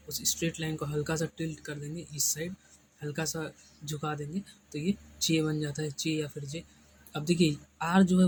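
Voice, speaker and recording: A man's voice: fairly high pitch, darkish tone, slight background noise, low-quality recording. A man teaching shorthand step by step, patient and repetitive, often checking in with his listeners. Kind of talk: step-by-step lesson explanation.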